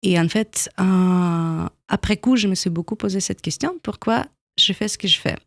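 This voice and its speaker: A woman in her thirties speaks French with a Russian accent, her voice gravelly with vocal fry. She answers at a measured, halting pace, stopping often to search for words. The studio sound is dry and close. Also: medium pitch, dry recording. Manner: thoughtful, halting, with many pauses and small grammar slips. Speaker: guest, documentary filmmaker. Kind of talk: radio interview. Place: radio studio.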